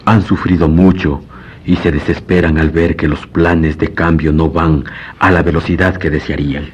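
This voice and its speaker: A man's voice: very deep voice, steady tone, normal speed, husky. A man playing a grave, world-weary lawyer in a radio drama, formal and brooding. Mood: grave, troubled. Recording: dull lo-fi radio recording.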